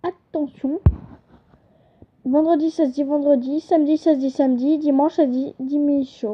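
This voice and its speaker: A young woman hosts a channel where she teaches an invented language in a casual, home-made lesson. She's chatty and hesitant, often correcting herself, with a high, steady voice at a moderate pace. The home recording is dull and lo-fi.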